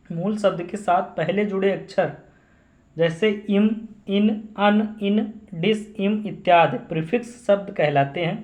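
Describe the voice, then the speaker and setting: A man teaching English grammar, repeating each definition and asking and answering his own questions. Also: high voice. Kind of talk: classroom-style grammar lesson.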